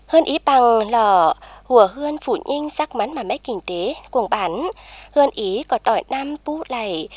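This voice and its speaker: A woman narrates a news report in a formal, even way. Her voice sits fairly high and has a soft, breathy grain. The recording is dry, with almost no room sound. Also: dry recording.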